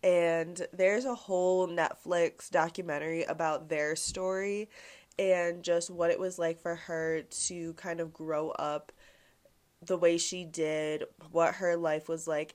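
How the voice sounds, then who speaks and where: A woman's voice: low voice, a little mellow. A young woman in her twenties hosting a casual solo podcast, congested and a bit nasal, chatty and peppered with "like.". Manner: chatty, heavy use of "like", swearing. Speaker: podcast host.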